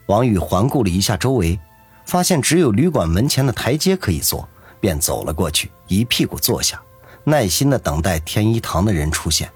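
Low, husky male storyteller. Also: big pitch swings, moderate pace, soft background music. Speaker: audiobook narrator. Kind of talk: serialized novel narration.

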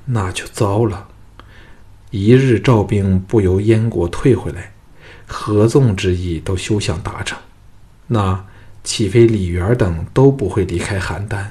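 Audiobook role: wry, earnest young hero, read by a man with a low, husky voice. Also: measured pace, mellow. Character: bold young male hero, wry and worried.

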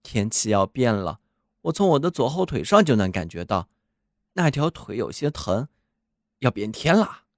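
A man voicing an old chained watchdog with a hoarse voice, gruff and know-it-all. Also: medium pitch, very animated, normal speed, no echo, studio quality.

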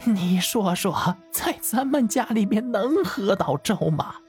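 A woman's voice: expressive, measured pace, soft background music. A woman voicing a grieving elderly noblewoman who wails and pleads through tears in an audio drama. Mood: wailing. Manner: wailing, high-strung pleading.

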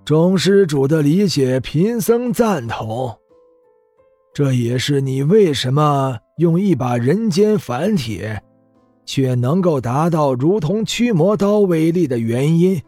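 A man plays a serene old monk in a storybook audio drama, his low, mellow voice husky and unhurried but rising and falling freely. He speaks in a dry, close sound, with faint music underneath. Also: animated, dry recording. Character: calm wise old Buddhist monk, male.

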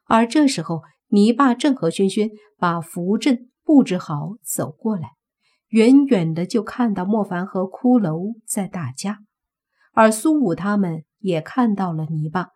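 A woman narrating an audiobook in a calm, unhurried storytelling manner. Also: medium pitch.

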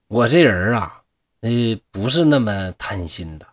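A man's voice: lowish voice, very animated, measured pace, voice pushed down. A man with a Northeastern Mandarin accent voicing a dying poor man, pleading in a folksy way.

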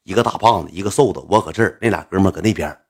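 A young man with a Northeastern Mandarin accent telling a casual, animated story and acting out the people in it. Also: sits low, very fast, a little hiss or hum.

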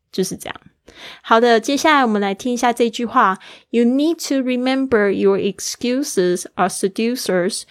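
Casting: a woman English teacher whose first language is Mandarin, patient, slow modelling of words, dry close sound. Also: mid-range voice, dry recording. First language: Mandarin Chinese. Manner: explains patiently, spells out words and models pronunciation slowly. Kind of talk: bilingual English lesson.

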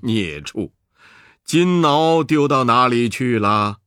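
A jolly, chuckling old buddha, calm and a little sly, as a male storyteller puts him on. The voice is dropped well below the narrator's own into a deep, hearty rumble. He speaks slowly and close to a dry mic. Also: no echo. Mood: jovial.

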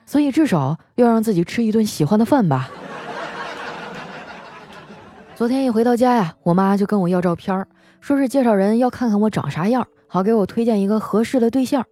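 A woman radio host telling comic stories about her family, chatty, with drawn-out particles and frequent laughs. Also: a little high, animated, warm tone. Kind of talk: comic storytelling monologue. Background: faint background music.

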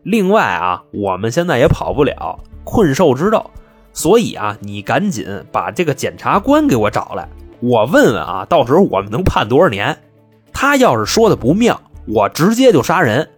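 Man playing a cocky gruff robber boss, husky voice. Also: medium pitch, wildly swooping pitch, moderate pace, soft background music. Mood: blunt. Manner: blunt, gruff, swaggering. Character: cocky male bank-robber boss, blunt and threatening.

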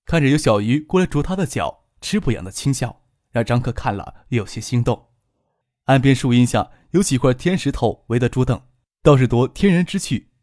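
Steady male audiobook narrator, dry sound. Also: medium pitch, no echo. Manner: steady, unhurried storytelling.

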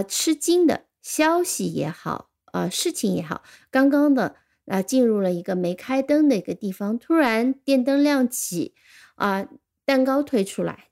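A woman teaching an English vocabulary lesson, explaining patiently and spelling words out slowly. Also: fairly high pitch, darkish tone.

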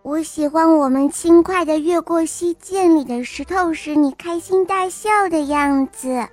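A woman's voice: high-pitched, measured pace, a little mellow, soft background music, voice pushed up. A woman voicing a sweet, affectionate little bunny child in a storybook, cooing and childlike.

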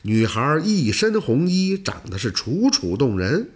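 A man's voice: medium pitch, very animated, a little slow, slightly rough. A man narrating a folk tale in a dramatic storytelling manner.

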